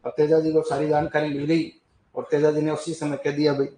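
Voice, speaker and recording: A man tells a folk legend to a class, chatty, with asides and questions to the students and frequent throat clearing. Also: fairly high pitch, completely flat delivery, a little fast, mellow, roomy sound, low-quality recording. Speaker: teacher. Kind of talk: storytelling lesson on folk deities.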